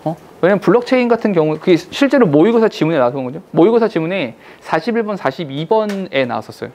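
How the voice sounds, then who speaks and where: Male cram-school English teacher, animated and playful, slangy, checks in with his class constantly. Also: high-pitched, fast. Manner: playful, slangy, acts out little skits with students. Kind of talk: lecture to high school students.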